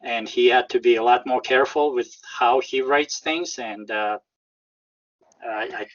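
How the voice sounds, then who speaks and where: Russian accent guy being interviewed, careful and halting, repeats words, kinda muffled lo-fi audio. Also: medium pitch, fairly even intonation, a little hiss or hum. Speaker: interview guest, whistleblower. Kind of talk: conversational interview.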